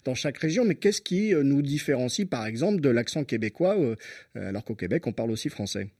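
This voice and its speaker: A man's voice: medium pitch, expressive, quick pace, a little mellow, slightly rough, no echo, studio quality. A man hosting a radio interview, asking questions conversationally and searching for words. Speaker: radio host.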